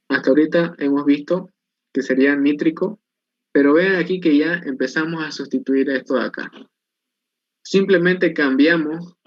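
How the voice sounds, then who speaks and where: A man with a somewhat high-pitched voice leads an online chemistry lesson. He walks through each step, posing questions and answering them himself. The recording is dry and a little muffled. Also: no room sound. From Bolivia. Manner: explains step by step, asking and answering his own questions. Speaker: chemistry instructor. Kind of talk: online class lecture.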